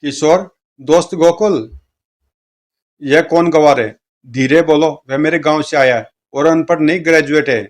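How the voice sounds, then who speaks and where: Acting as a story narrator, a man reads comic strips aloud and voices each character's dialogue. His voice is a little high and his pace a little slow.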